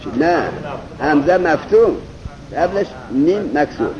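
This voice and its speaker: A male teacher gives a seminary-style grammar lesson, quizzing his students and drawing out example words slowly. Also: on the high side, lively intonation, a crowd in the background. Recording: dull lo-fi recording with faint noise.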